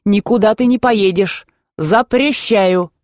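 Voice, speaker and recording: A woman reading a stern, grumbling old grandfather who breaks into shouts, in a storybook narration. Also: mid-range voice, slow pace, dry recording, clean studio sound, natural voice. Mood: commanding.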